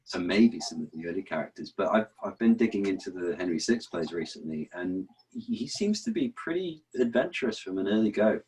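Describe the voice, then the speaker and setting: A man speaks as an interview guest, searching for words with frequent restarts and repeated phrases. His voice sits very low and has a husky, breathy grain. He sometimes taps out verse rhythms in his speech. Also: big pitch swings, a little fast, few pauses, darkish tone, rough recording. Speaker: interview guest, actor and author. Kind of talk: thoughtful interview answers.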